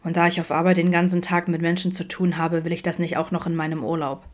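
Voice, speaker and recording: A woman voicing a guarded, introverted middle-aged father who mumbles in a low, quiet way, in an audiobook. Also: level tone, fast, lightly acted. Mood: resigned.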